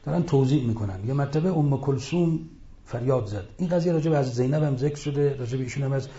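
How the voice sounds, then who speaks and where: A man giving an impassioned religious lecture, retelling a story and rising into loud rhetorical outbursts. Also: mid-range voice, roomy sound. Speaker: preacher. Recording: dull lo-fi recording.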